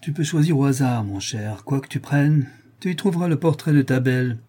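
A man's voice: medium pitch, a little fast, mellow, breathy edge, voice pushed up, natural voice. A man reading an audiobook voices a tipsy young cavalry officer who speaks with mock solemnity and teasing.

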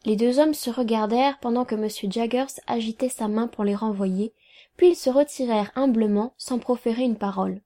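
Calm woman narrating a novel. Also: a little high, normal speed. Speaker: audiobook reader. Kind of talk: novel read aloud.

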